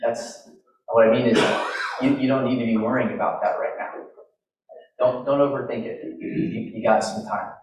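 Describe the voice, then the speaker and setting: A middle-aged man preaching into a pulpit microphone, in a relaxed, conversational way with frequent restarts. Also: mid-range voice, normal speed. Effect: speaking into a pulpit microphone. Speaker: pastor. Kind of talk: sermon. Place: large church sanctuary. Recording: very echoey hall from far off, faint noise.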